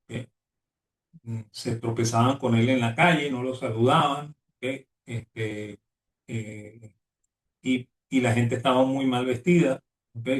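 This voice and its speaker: A man's voice: mid-range voice, distant mic. A man giving a university economics lecture, ending nearly every phrase with "¿ok?" and often restarting his words. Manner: constant "¿ok?" tag, restarts words. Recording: echoey room, voice away from mic.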